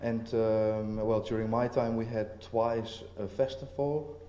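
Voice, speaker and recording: Halting man in a roomy hall. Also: fairly low pitch, steady tone, warm tone. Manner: hesitant, many fillers and restarts. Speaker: visiting artist. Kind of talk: casual panel talk. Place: festival talk venue. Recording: roomy hall with faint noise.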